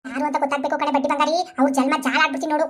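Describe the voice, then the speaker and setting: Woman doing a shrill scolding old mother-in-law. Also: flat delivery, lightly acted. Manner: shrill rapid cursing. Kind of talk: animated comedy cartoon voice.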